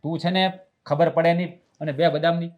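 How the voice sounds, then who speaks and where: An actor playing a frustrated, irritable husband in a Gujarati stage play, quick to shout. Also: male voice, fairly high pitch, steady tone, dull audio, lightly acted. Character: frustrated husband who lost his job.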